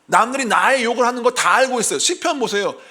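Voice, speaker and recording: A middle-aged male pastor preaching a lively sermon in a church, acting out anxious voices as he goes. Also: extremely high pitch, fast talker. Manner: animated, acts out voices of worried believers. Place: church sanctuary.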